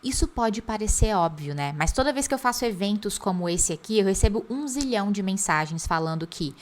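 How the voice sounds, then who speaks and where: A woman with a Brazilian Portuguese accent teaching an online class, lively and chatty, with teasing asides to the crew. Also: mid-range voice, a little fast. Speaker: English teacher and host. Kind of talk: online class, speaking straight to camera.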